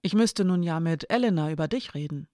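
A narrator voicing May, a thoughtful young person who speaks calmly and reassuringly. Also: medium pitch, fairly quick, dry recording, studio quality, close to an everyday voice. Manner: calm, reassuring.

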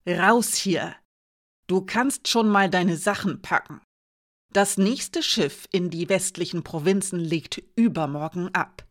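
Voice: mid-range voice, slow, a bit bright. An audiobook reader voicing a stern female commander who questions in a clipped, cold way. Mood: menacing. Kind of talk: audiobook character voice.

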